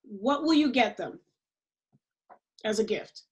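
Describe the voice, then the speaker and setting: A woman hosting a podcast, asking playful quick-fire interview questions. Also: on the high side, animated. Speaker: podcast host.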